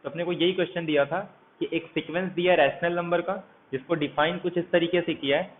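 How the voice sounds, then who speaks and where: A man's voice: on the high side, steady tone, fast talker. A man teaching a math lecture, walking through each step and asking his students questions as he goes. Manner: walks through steps, asks students questions. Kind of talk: explanatory lecture. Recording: tinny phone-like audio, faint hiss.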